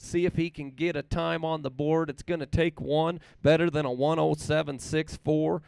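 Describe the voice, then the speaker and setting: A man announcing a live race, reading out times slowly and chatting in a folksy way between runs. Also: on the high side, fairly even intonation, vocal fry, a little mellow, smooth, no room sound. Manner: reads race times slowly and repeats them. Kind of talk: live play-by-play commentary.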